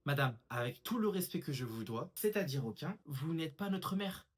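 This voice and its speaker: A woman's voice: low-pitched, expressive, normal speed, husky. A woman playing an insolent young woman who mocks an old lady on a bus. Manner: sarcastic, insolent.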